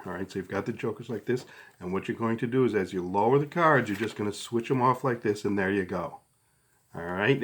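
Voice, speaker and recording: In a mid-range voice, a middle-aged card trick instructor gives a step-by-step hands-on tutorial. He keeps it conversational and casual, checking in frequently as he goes.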